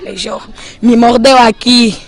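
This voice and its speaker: A woman with an Angolan Portuguese accent recounts a frightening night in her own words. Her telling is animated and emphatic, and her voice jumps higher and louder at the tense moments. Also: unhurried, a faint crowd. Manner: animated, emphatic retelling with sudden rises in pitch and loudness. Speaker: eyewitness recounting a break-in. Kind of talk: spoken personal account.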